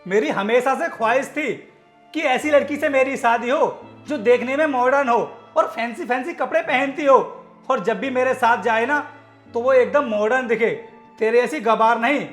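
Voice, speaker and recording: A man's voice: very high-pitched, moderate pace, a bit bright. An actor playing an arrogant company manager who scorns his village-born wife, harsh and domineering in a short film drama. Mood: scornful. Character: arrogant man, cheating husband. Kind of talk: Hindi short-film acting. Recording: echoey room, music underneath.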